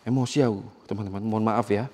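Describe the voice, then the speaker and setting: A man's voice: on the low side, fairly even intonation, rapid-fire, darkish tone. A man, filming a ghost-hunting vlog in an abandoned village, angrily taunting and swearing at the spirits. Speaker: paranormal explorer vlogger.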